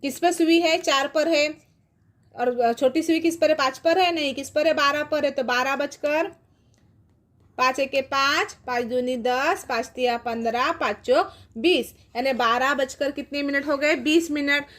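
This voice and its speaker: A woman's voice: high-pitched, a little slow, fairly bright tone. A woman teacher explains clock times step by step, patiently asking questions and answering them herself. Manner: patient, asks and answers her own questions. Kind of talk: classroom math lesson.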